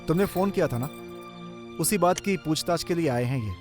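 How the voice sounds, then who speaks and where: A man's voice: fairly high pitch, expressive, moderate pace, a little mellow, close to an everyday voice. A man dubbing an anxious young husband in a film, polite and stammering with fillers. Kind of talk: Hindi film dub. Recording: film soundtrack with music.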